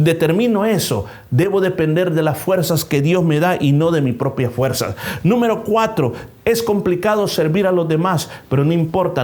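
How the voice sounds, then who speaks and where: A man's voice: high-pitched, darkish tone. A man preaching a sermon in as a pastor at a church service, stressing numbered points with rising emphasis. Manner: acts out a story with changing voices.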